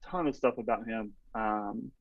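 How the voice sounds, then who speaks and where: A man's voice: lowish voice, unhurried, lo-fi sound. A man from Texas, a strength coach guest on a podcast, telling stories in a casual, rambling way full of "like" and "you know".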